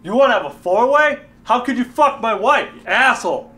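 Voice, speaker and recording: A man's voice: high voice, animated, normal speed, a bit bright. A man playing a hot-headed jealous gangster. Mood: enraged. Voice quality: profane, aggressive. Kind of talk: over-the-top crime comedy acting.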